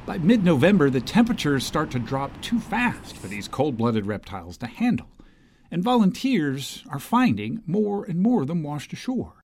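A man's voice: fairly high pitch, sing-song, normal speed, a little mellow. A man narrating a scripted television news feature as a correspondent.

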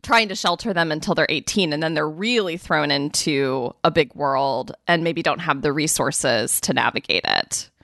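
Woman podcast host, lowish voice, dry close mic, easygoing, lil laughs. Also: normal speed, few pauses, dry recording. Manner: relaxed, asks questions, laughs lightly. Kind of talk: casual conversation.

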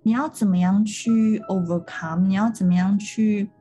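A woman's voice: medium pitch, fairly even intonation, normal speed, mellow, faint music behind. A woman co-hosting a podcast, talking through ideas in an earnest, step-by-step casual chat. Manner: earnest, explanatory, talks through steps. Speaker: podcast co-host.

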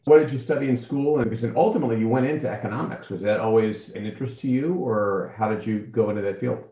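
A man's voice: mid-range voice, quick pace, reverberant, lo-fi sound. A man hosting an interview, encouraging and asking follow-up questions. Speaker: interview host. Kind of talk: conversational interview.

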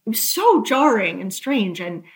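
This woman author speaks a little slowly at a medium pitch, her voice rising and falling widely. In a relaxed interview she tells anecdotes openly, with many loose hedges and self-deprecating comments.

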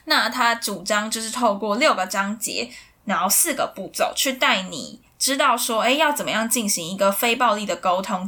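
Bright-voiced woman sharing a book. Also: medium pitch. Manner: conversational, filler-heavy explaining. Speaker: book reviewer. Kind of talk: casual book summary talk.

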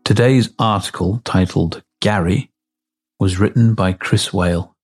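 A man giving a scripted devotional reading in a measured, reverent manner. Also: low voice, a little mellow, slightly rough. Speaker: devotional reader.

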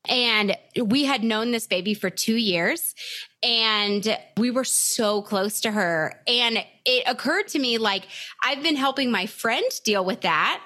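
A woman's voice: on the high side, lively intonation, slow pace, sharp tone. A woman hosting a podcast in casual, upbeat interview chat, full of "like" and "right?". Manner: chatty, upbeat, frequent "like" and "right?". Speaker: podcast host.

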